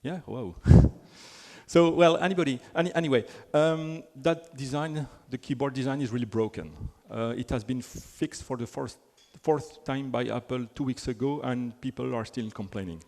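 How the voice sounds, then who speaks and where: Speaking in a big conference hall where the reverb rings long, this Belgian man with a French accent delivers a technical talk. He has a medium-pitched, darkish voice at a normal speed, and his chatty, self-deprecating delivery is packed with fillers and restarts.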